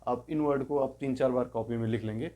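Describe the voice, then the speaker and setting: A man's voice: medium pitch, steady tone, mellow. Patient man teaching English grammar. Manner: patient, repeats each word form slowly; explains in Hindi, says English word forms aloud. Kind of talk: step-by-step grammar lesson.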